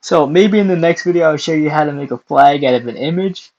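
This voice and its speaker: Hoarse and losing his voice, a young tutorial host walks through a casual screen-recorded software lesson, often clearing his throat between steps. His voice is on the high side, his pace fairly quick, and the audio is muffled.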